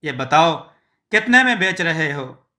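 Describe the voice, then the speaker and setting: A hearty, easygoing village neighbor man, friendly and sympathetic, as a male narrator puts him on. He speaks slowly in a bright, slightly high voice. He suits a storybook tale. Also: sing-song, exaggerated voice.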